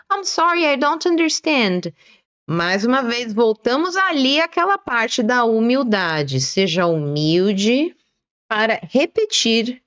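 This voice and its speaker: A woman giving an online English lesson, didactic and slowing down to stress key words. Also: medium pitch, a bit bright, no room sound, muffled recording. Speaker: English teacher.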